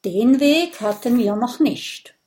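A woman's voice: on the high side, expressive, takes it slowly, dark tone. Woman voicing an eager young boy. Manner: eager suggesting.

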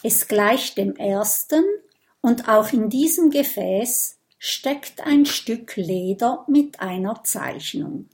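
A woman narrating a children's story in a clear storytelling manner. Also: a little high, expressive, takes it slowly, a little mellow. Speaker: audiobook narrator.

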